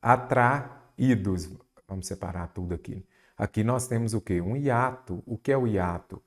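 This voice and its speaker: An unhurried Brazilian Portuguese teacher with a voice on the low side solves exam questions aloud. He asks questions and answers them himself, lengthens key words for emphasis, and repeats a mnemonic as part of the exam-prep lesson.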